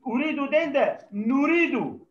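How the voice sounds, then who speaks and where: Very high-pitched and expressive, this male teacher works patiently through language drills with his class, who respond in turn during the live lesson. He keeps a moderate pace over background noise. The echoing microphone gives everything a dull tone.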